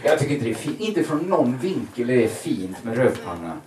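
A man's voice: mid-range voice, big pitch swings. A man doing a stand-up routine, ranting with exaggerated indignation. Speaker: stand-up comedian. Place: bar stage. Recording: echoey, distant live recording with loud noise.

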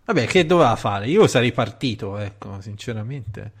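A man's voice: on the low side, lively intonation, moderate pace, breathy edge. A man hosting a podcast in a casual, colloquial chat style, with some crude joking. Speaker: podcast host.

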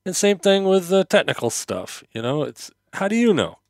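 A man's voice: high-pitched, very animated, moderate pace, vocal fry, no echo. A man hosting a casual solo podcast in a hesitant, meandering, conversational way, his mouth slightly numb from dental work, close on the microphone. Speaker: podcast host.

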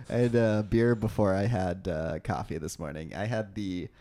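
Male podcast host from New York, low voice, loose and joking, runs the chat. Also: a little slow, dark tone. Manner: joking, talkative, leads the conversation. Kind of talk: casual chat.

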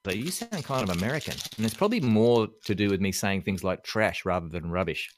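A man's voice: on the low side, a little fast, a little hiss or hum. A man with an Australian accent, a podcast guest and musician, chatting casually and telling stories with frequent laughs. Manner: lively storyteller, laughs often.

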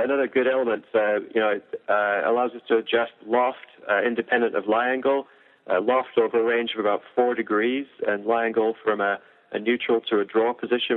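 A man's voice: lowish voice, fairly even intonation, brisk. A man, a golf equipment engineer, explaining driver technology in detail with frequent fillers. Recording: tinny phone-like audio.

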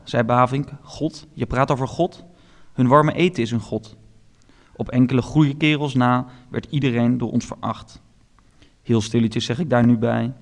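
A man reading literary fiction aloud as an audiobook narrator, slow, measured and hushed. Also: medium pitch, vocal fry. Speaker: audiobook reader.

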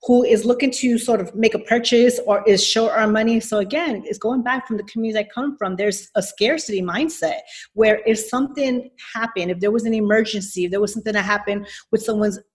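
A New York City woman, a nonprofit executive, answers interview questions in a brisk, medium-pitched voice. She lays out her points carefully and at length, with lots of hedging and restarted phrases.

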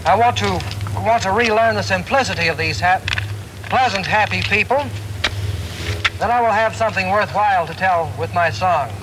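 An actor playing a pretentious, flustered celebrity folk singer in a 1960s low-budget film, speechifying haltingly and repeating himself. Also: male voice, lightly acted. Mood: pompous, flustered. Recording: noisy old film soundtrack, outdoors.

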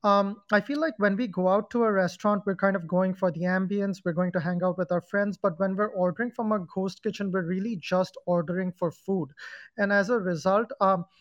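A woman from Nepal politely and hesitantly asking questions on an audio panel, pausing often with fillers. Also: mid-range voice, fairly even intonation, no echo. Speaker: audience member, virtual kitchen owner. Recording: dry, muffled phone audio.

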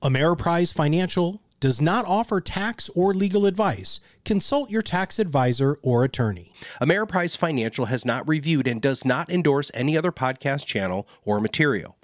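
A man reading a long, scripted legal disclaimer in a steady, formal way. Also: a little high, normal speed, dry recording, studio quality. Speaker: disclaimer announcer.

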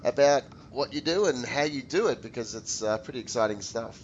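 A man with an Australian accent co-hosting a podcast in casual chat, husky and hoarse from a head cold, upbeat and rambling with restarts. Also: mid-range voice, animated, brisk, muffled recording, a little hiss or hum. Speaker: podcast co-host.

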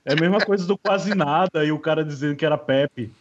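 A man's voice: on the high side, fast talker. A Brazilian man chatting casually as a panelist on a podcast. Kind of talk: casual chat. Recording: dull, noisy microphone with clicks.

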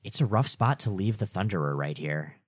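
A man with a fairly low, animated voice recaps comics as a podcast co-host. His storytelling is expressive and conversational, recorded very dry. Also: fairly quick, breathy edge, no room sound.

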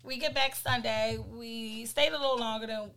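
A woman, co-hosting a podcast and telling a story in casual chat, animated and jumping high in pitch when she quotes herself. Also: moderate pace. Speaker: podcast co-host.

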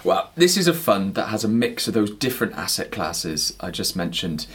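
A man's voice: lowish voice, big pitch swings, normal speed, fairly bright tone, husky. A man with a West Country English accent, explaining things as an expert in a conversational podcast style.

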